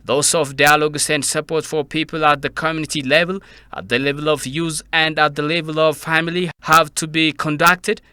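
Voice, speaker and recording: Man, news reporter voice-over; crisp, bright, dry studio sound. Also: a little high, normal speed, no echo. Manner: steady formal narration.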